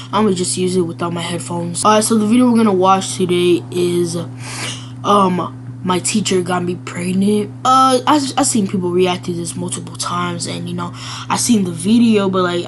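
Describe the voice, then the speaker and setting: A woman's voice: lowish voice, slight background noise. Rambling, crude young-sounding woman reacting. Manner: blunt, crude, rambling, with frequent fillers. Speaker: reaction video host. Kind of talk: casual reaction commentary.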